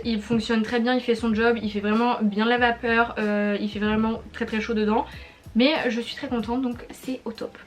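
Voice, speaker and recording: Chatty young woman, slightly high. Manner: chatty, rambling with many fillers and restarts. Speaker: YouTuber. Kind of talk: casual product review vlog.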